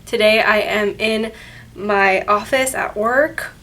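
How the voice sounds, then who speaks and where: A woman runs a paranormal channel and chats casually to camera from her workplace office, sounding nasal and congested from a cold. Her mid-range voice is bright and forceful, with fairly even intonation and a slow pace, and she rambles and corrects herself. The audio comes from the camera, with no separate microphone.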